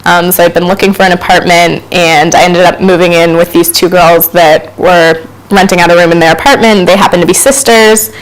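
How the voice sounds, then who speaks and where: A woman's voice: lowish voice, low-quality recording. A young adult woman telling a casual personal anecdote, chatty with frequent ums and laughing asides. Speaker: storyteller.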